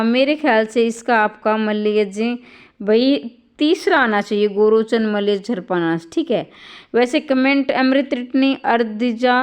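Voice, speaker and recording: A woman's voice: a little high, clean tone. A woman tutor explaining exam answers one by one, often adding "bhai" and "theek hai" as she checks each option.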